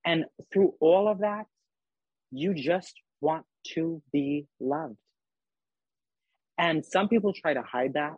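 A man's voice: a little high, takes it slowly, long pauses, slightly rough, no room sound, muffled recording. A young man hosting a casual podcast chat, talking emphatically and swearing freely. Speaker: podcast host.

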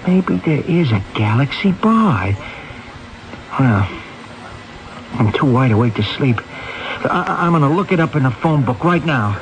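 A man's voice: medium pitch, animated, a little slow, long pauses. An actor playing an earnest, restless man in a radio drama, hesitant and wondering as he talks. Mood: restless, determined. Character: earnest, restless man haunted by a vivid dream. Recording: dull radio recording, faint noise.

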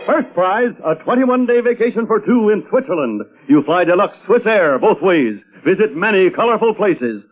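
A woman's voice: medium pitch, lively intonation, normal speed, few pauses. A woman announcing in a scripted 1950s radio advertising style. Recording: muffled vintage radio recording with music.

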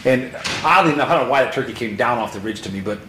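A man in his sixties telling hunting stories on a podcast, animated and acting out the voices in them. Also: mid-range voice, racing. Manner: animated storyteller who acts out voices. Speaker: hunting guide guest. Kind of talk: podcast storytelling. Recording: roomy room with faint noise.

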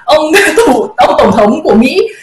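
A young woman co-hosting a casual chat, telling stories in a lively way and acting out the voices of the people in them. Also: sits high, unhurried, background noise. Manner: lively storyteller, acts out quoted voices. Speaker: co-host. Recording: roomy echo.

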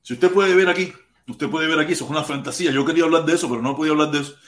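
A man with a Cuban accent hosting a casual live stream, animated, exclaiming and repeating himself. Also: fairly high pitch, rapid-fire. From Cuba. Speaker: podcast host. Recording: echoey room.

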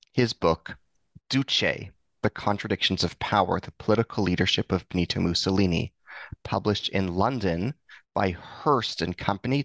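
A man hosting a history podcast, introducing his guest in a formal, measured, deliberate way. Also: sits low, fairly bright tone, dry recording. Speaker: podcast host.

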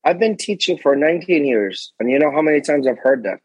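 A man's voice: fairly high pitch, lively intonation, brisk, husky, no echo, poor audio. A middle-aged man, a martial arts instructor, telling stories as an interview guest in an intense, emphatic way and acting out his own commands. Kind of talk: animated storytelling in an interview.

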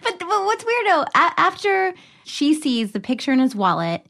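A woman chats on a podcast in a casual, easygoing way. Her voice is high and swings up and down a lot as she talks. She moves the conversation along and drops quick remarks of agreement. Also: wildly swooping pitch, gravelly, fairly bright tone. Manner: steers topics, quick agreeing interjections. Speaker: podcast co-host.

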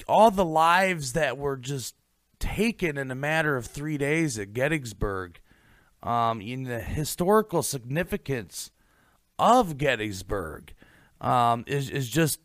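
A man's voice: fairly high pitch, dry recording, clean studio sound. A man co-hosting a paranormal podcast, reading a ghost story aloud and then chatting casually with hesitant fillers. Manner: animated, hesitant in chat with fillers. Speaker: podcast co-host.

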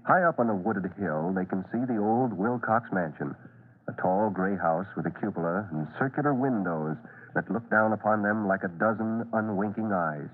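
A man doing measured, descriptive scripted narration for a 1940s radio serial. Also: on the low side. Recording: tinny old radio broadcast.

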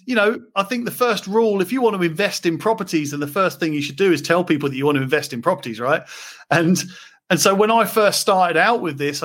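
A man's voice: a little high, fairly bright tone. A man from the UK talking casually as a property investor guest, chatty with frequent fillers and restarts. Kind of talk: casual interview chat.

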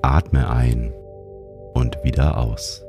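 A man narrates a guided sleep meditation in a soothing, calm manner, like a sleep-story narrator. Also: very deep voice, drawn-out words, over music. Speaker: meditation guide and show host.

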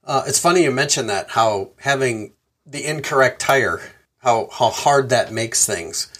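A man's voice: medium pitch, measured pace. A man hosting a podcast interview, chatting casually and laughing along with his guest. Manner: laughs easily, lively. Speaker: podcast host.

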